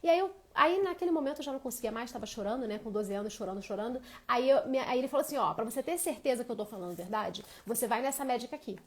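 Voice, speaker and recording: A woman hosting a live stream, telling a personal story in a casual, animated way and often checking in with her listeners. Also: fairly high pitch, racing, few pauses. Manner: animated storytelling with many tag questions. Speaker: host of a women's health live stream.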